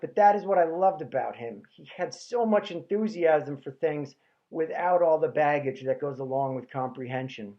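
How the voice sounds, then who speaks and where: A man tells a comic story about his own life in a wry, deadpan way. His delivery stays dry and understated through the jokes. The recording sounds slightly muffled and lo-fi. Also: on the high side, moderate pace.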